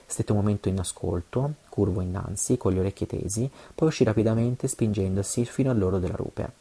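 A man's voice: on the low side, a little fast, dark tone, husky. A man reading an adventure novel aloud, with occasional stumbles and self-corrections. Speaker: audiobook reader.

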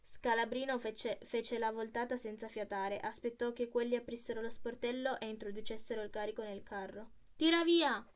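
Donna dalla voce acuta che legge un racconto. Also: female voice, fairly high pitch. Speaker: reader. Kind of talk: literary story reading.

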